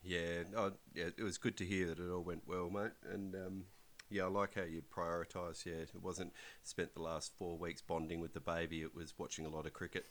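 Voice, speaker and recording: A man's voice: low voice, little pitch movement, fairly quick, few pauses, a bit bright. An Australian man co-hosting a podcast in casual, conversational chat. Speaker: podcast co-host.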